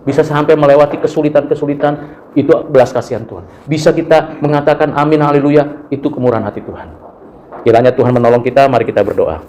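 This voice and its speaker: A pastor in his late fifties preaching a sermon in a lively, colloquial way, with sudden jumps in pitch, then slowing and softening into a closing prayer. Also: highs cut off, slight background noise. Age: 50s.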